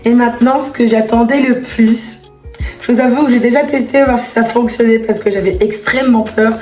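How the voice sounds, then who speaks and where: A woman chatting casually to viewers as a vlogger, her voice hoarse and raspy, as if nearly lost. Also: on the high side, fairly even intonation, a little fast, darkish tone. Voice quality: raspy, strained from laryngitis. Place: echoey room indoors. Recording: echoey room with background music. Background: music.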